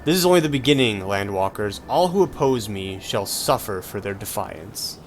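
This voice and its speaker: A man's voice: lowish voice, expressive, normal speed, a little hiss or hum, close to an everyday voice. A man voicing a haughty, wrathful goddess villain from a video game, reading the lines in a grandiose, menacing way. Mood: vengeful. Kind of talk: reading game dialogue aloud dramatically. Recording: game music behind.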